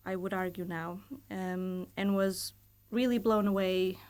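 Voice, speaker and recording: A university lecturer in her thirties, guesting on a casual studio podcast, talks about her work with a Portuguese accent. Her mid-pitched voice is steady, smooth and somewhat dark. She is thoughtful and measured, often pausing and hedging with fillers while she gathers her thoughts.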